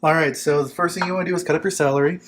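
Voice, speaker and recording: A man with a slightly high, fairly even voice talks rapid-fire while hosting a casual cooking show at the stove and counter of a kitchen. His instructions are laid-back and chatty, sprinkled with jokes, and the background is noisy.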